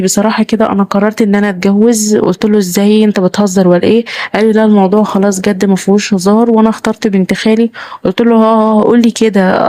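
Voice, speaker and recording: An Egyptian woman narrates her own story in a plain, conversational way, rushing through it at a very fast pace. Her voice is dark and gravelly, with a fairly flat pitch. The recording is close and dry. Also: no room sound. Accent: Egyptian Arabic. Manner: plain conversational retelling with fillers. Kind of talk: first-person story narration.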